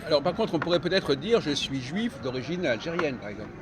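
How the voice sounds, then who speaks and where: A man's voice: fairly high pitch, big pitch swings, quick pace. A man hosting a casual group debate at an outdoor café, asking questions and restarting his sentences. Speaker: host of a philosophy café discussion. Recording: busy crowd noise outdoors.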